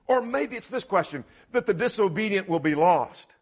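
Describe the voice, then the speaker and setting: A man's voice: high-pitched, lively intonation, normal speed, slightly rough. A man preaching a sermon in an earnest, emphatic way, asking rhetorical questions as he goes.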